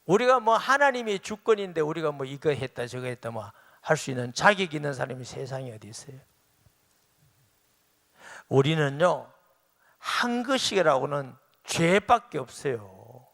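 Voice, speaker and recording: A man's voice: fairly high pitch, expressive, moderate pace, creaky, fairly bright tone. A middle-aged man, preaching a sermon as pastor and acting out quoted dialogue with rising emphasis.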